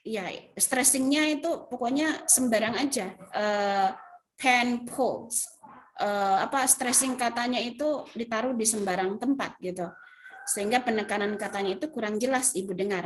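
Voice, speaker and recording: A woman's voice: on the high side, slight background noise. A woman English teacher patiently explaining an assignment and its grading step by step, with many fillers and self-corrections. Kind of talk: recorded online class explanation.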